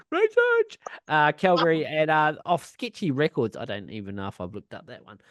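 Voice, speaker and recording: A man's voice: a little high, lively intonation, brisk, dry recording. A man co-hosting a punk podcast in casual chat, rambling, swearing a lot and laughing often. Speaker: podcast co-host.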